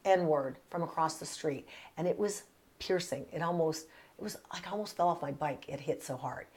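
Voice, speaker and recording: A woman in her fifties hosts a casual parenting advice vlog from a small closet, answering a letter in a low, slightly mellow voice at a moderate pace. She speaks in an earnest, direct, conversational way.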